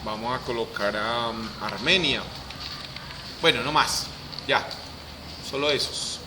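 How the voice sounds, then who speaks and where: A man teaching a software lesson, repeating each step aloud as he works. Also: medium pitch, slow pace, noisy background. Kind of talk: screen-recorded software lesson.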